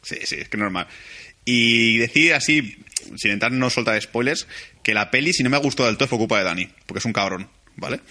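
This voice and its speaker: Man, Spain Spanish accent, podcast co-host, casual film chat, very quick, bright tone, animated, swears often. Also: medium pitch.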